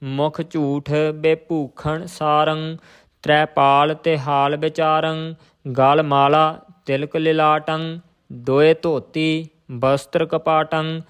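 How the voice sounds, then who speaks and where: Man, scripture recitation teacher, slow even chant, smooth clear voice. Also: a little high.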